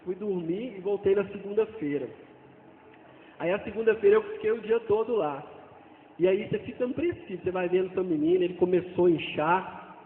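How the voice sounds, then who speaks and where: A man, a father, gives an earnest personal testimony in church, talking haltingly and repeating phrases as he goes. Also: high voice, slight background noise. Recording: tinny, echoey hall sound.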